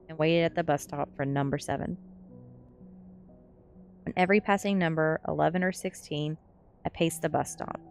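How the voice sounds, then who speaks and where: Her voice is deep with a darkish tone. She's streaming an ASMR-style storybook reading of a novel, pausing for easygoing, welcoming words to listeners and sometimes tripping on a word, while music plays underneath.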